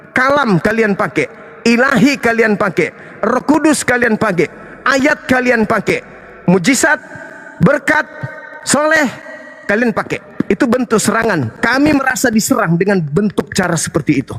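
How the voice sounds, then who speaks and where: A man with an Indonesian accent delivers a heated debate monologue, high in pitch for a man. He is combative and challenging, firing one rhetorical question after another. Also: fairly bright tone. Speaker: religious debate host and apologist.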